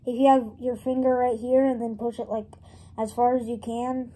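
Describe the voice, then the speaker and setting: A woman presenting a casual step-by-step tutorial, explaining things in an informal, halting way. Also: on the high side, flat delivery, warm tone, rough recording. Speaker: presenter of a card trick tutorial.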